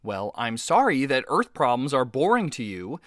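A man's voice: medium pitch, sing-song, normal speed, no echo, clean studio sound. A man hosting a comedic advice show, talking earnestly and sometimes sounding exasperated. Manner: earnest, exasperated, eager to please.

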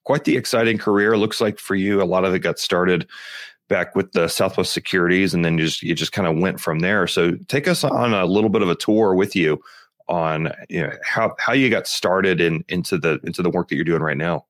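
A man's voice: deep voice, a little fast. A man hosting a business podcast, reading an upbeat intro and then chatting, often repeating his words. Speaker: podcast host. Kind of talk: scripted intro then casual interview.

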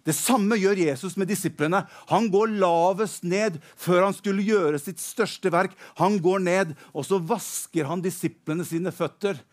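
A man preaching, retelling a Bible story in a lively, animated way. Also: high voice. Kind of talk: storytelling sermon.

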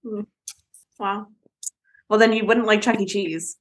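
A woman's voice: mid-range voice, unhurried. A woman talking as a podcast guest in a casual chat, offhand and blunt, with lots of "like". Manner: offhand, blunt, filler-heavy.

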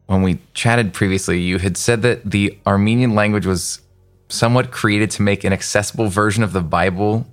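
A man's voice: on the low side, steady tone, moderate pace, soft background music. A man with a nasal voice, hosting an interview, asking curious questions and adding his own voice-over narration. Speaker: podcast host, interviewer.

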